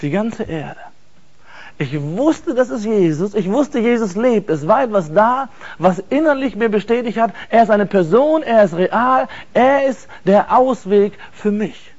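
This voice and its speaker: A man gives an earnest personal testimony, intense and emphatic, repeating words for stress. His high voice is expressive and a little mellow at a measured pace, captured on a dull lo-fi recording.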